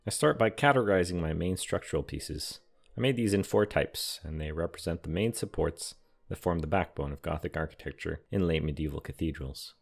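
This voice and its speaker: A young man giving a calm, matter-of-fact scripted voice-over explaining how he builds a large model. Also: deep voice, fairly quick, vocal fry. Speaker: scale model and terrain builder. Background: soft background music.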